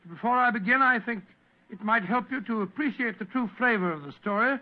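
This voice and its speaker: A genial, avuncular older English doctor of vintage radio drama. His voice sits high for a man and rambles fussily like a fond storyteller. The sound is a muffled old broadcast. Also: fairly quick. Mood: genial, storytelling. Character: genial, fussy older English doctor recounting past adventures. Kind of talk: 1940s radio acting.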